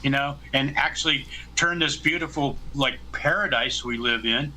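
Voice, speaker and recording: A man's voice: medium pitch, normal speed, sharp tone, slight background noise, rough recording. A man in his seventies chatting casually about politics, rambling and blunt, swearing freely. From United States. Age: 70s.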